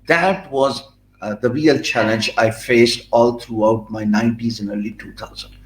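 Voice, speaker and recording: Recorded poorly in an echoey room, this middle-aged Pakistani guest speaks in a mid-range voice with fairly even intonation. He answers interview questions fluently in Pakistani-accented English, his second language after Urdu, yet uses many fillers, restarts frequently, and pauses emphatically.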